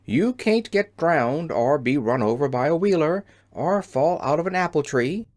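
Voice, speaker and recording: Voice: mid-range voice, animated, unhurried, a little mellow, close to an everyday voice. A reader voicing a friendly, easygoing straw scarecrow with a cheerful, folksy way of talking, in an audiobook. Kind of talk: audiobook character voice.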